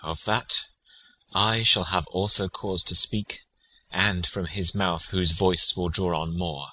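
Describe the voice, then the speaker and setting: An actor playing a loyal, grieving noble friend of a prince in Shakespearean tragedy, with solemn, measured declamation. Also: male voice, sits low, fairly even intonation, bright, forceful tone, dry recording, full character voice, poor audio. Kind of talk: Shakespearean tragedy audio acting.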